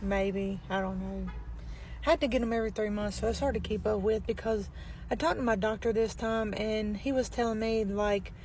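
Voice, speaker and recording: A middle-aged woman chatting casually in a plain-spoken, folksy way, with a weak, barely audible voice that cannot get loud. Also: fairly even intonation, moderate pace, a little hiss or hum. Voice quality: weak, low-volume voice, barely projecting. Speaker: vlogger. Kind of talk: casual chat.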